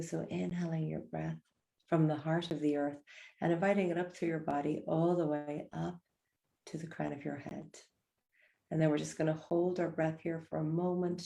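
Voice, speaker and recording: A woman leading a guided breathing meditation, speaking softly and slowly with gentle invitations. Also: sits low, gravelly. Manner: soft, slow and soothing, gentle invitations.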